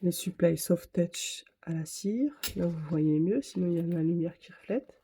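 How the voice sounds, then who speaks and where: A woman's voice: on the low side, moderate pace, dark tone, slightly rough. A woman vlogger chatting casually to camera, rambling and correcting herself as she shows her art supplies. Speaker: craft vlogger.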